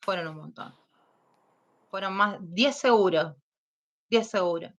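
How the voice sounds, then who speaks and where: Slow-spoken Argentine woman giving testimony. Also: mid-range voice, a bit bright. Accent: Argentine Spanish. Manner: slow and hesitant, recalling painful events. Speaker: interview guest. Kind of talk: personal testimony in an interview. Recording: dull lo-fi sound.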